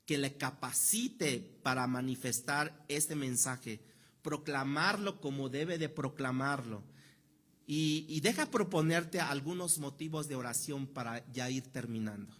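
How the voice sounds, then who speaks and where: A man's voice: medium pitch, unhurried, fairly bright tone. A Mexican pastor preaching a sermon in a conversational way, asking rhetorical questions and acting out the voices of people he quotes. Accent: Mexican Spanish. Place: church hall.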